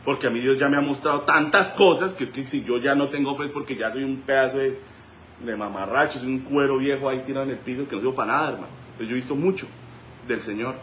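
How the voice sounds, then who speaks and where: A man, a pastor preaching a sermon in a church and telling stories with sudden shouts. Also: mid-range voice, fast talker, slight background noise. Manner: animated storytelling, voice rising to shouts. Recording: echoey church room.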